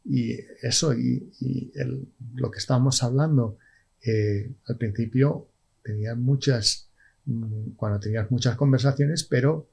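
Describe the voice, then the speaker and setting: Valencian guy, middle-aged, slow halting chat, kinda husky. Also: mid-range voice, a little mellow. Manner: slow, halting speech with many restarts. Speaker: podcast guest. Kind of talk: casual conversation.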